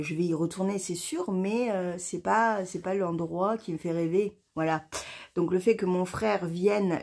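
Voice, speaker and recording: A woman from France chatting casually to camera in a knitting vlog, excited and rambling, stumbling and restarting her words. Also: fairly low pitch, gravelly. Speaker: knitting vlogger.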